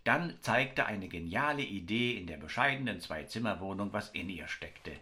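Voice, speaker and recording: Low-voiced man narrating wryly. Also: animated, moderate pace, bright, forceful tone. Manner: wry, ironic storytelling. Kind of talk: scripted narration of a story.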